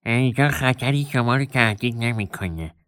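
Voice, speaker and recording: A man's voice: medium pitch, fairly bright tone, smooth, dry recording, clean studio sound, voice pushed up, close to an everyday voice. A man voicing a young male dwarf guide in a storybook, with an eager, reassuring delivery.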